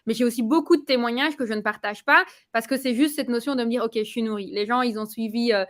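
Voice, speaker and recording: A woman speaks in a relaxed, conversational way, often pausing on fillers and starting her sentences over. Her voice sits a little high. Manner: hesitant, many fillers and restarts. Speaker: client giving a testimonial. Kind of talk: casual conversational testimonial.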